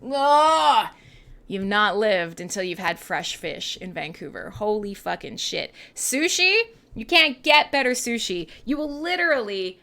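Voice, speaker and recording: Between music tracks, this western Canadian radio host keeps up a playful, irreverent, sweary live chat in her Canadian accent. Her voice is mid-range, creaky, bright and pushed.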